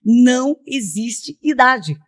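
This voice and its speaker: Very animated yet taking it slowly, this middle-aged woman speaks in a slightly high voice. A missionary from Piracicaba, São Paulo state, Brazil, she tells her story as a podcast guest in a conversational interview, frequently asking "né?".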